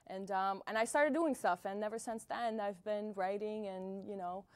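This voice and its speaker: A young singer-songwriter from Bosnia answers interview questions as a guest in a small music venue, speaking softly and hesitantly with many fillers. Her voice is medium-pitched at a normal speed, and the recording is dry.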